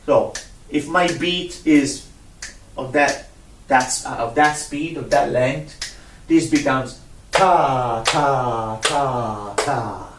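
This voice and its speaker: A man's voice: on the high side, slow, pauses often, background noise. A man teaching a one-on-one music lesson, patient, repeating himself and counting out rhythms. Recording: roomy sound from a distant mic.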